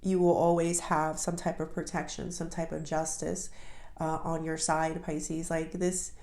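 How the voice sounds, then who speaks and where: Heartfelt woman tarot reader, low voice. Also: flat delivery, unhurried, dark tone, echoey room. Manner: heartfelt, emotional, speaks straight to the viewer. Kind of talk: casual tarot reading to camera.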